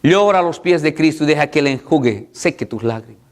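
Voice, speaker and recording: A man preaches as pastor, his voice sitting somewhat high for a man. He pushes loud, soaring exhortations and then drops into quiet, low pleading. Repeated rhetorical questions drive his sermon. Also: lively intonation, fairly quick. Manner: swings between loud high exhortation and low soft passages.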